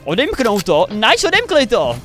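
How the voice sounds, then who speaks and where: A young man hosting a reaction video in casual commentary, excitable and quick to shout warnings, often repeating himself. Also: sits high. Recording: loud music under the voice. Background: the animation's music.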